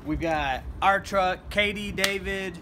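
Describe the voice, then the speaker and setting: A man in his 30s hosts a storage unit unboxing show, speaking slowly in a high voice as he rambles and jokes folksily to the camera. He's at a storage unit and truck with the doors open, and the camera audio is noisy with vehicle sounds.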